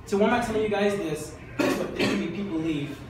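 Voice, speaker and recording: A man's voice: high voice, fast talker. A man preaching a sermon, exhorting his listeners with insistent repetition. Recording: very echoey church hall from far off.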